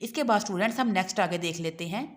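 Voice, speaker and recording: A woman teacher giving an exam-prep lecture. She reads textbook lines slowly, then explains them in a conversational way and speaks directly to her students. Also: medium pitch. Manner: addresses the class directly as students.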